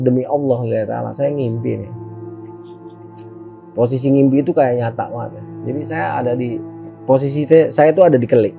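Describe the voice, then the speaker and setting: A man with a Jakarta accent telling a story as a guest in a casual, animated, slangy way, often turning to address the host. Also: medium pitch, vocal fry, dull audio. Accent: Jakarta Indonesian.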